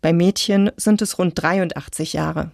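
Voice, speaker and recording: A woman reading a calm, scripted science radio feature. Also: fairly low pitch, measured pace, gravelly, no room sound, studio quality. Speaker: radio narrator.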